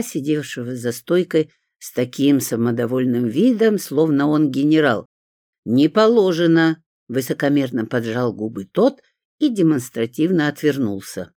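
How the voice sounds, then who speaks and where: Женщина читает аудиокнигу от первого лица, выразительно и с иронией, живо разыгрывая диалоги. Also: female voice, extremely low pitch, no room sound, clean studio sound. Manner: expressive, ironic storytelling with animated dialogue. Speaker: audiobook narrator. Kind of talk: first-person audiobook reading.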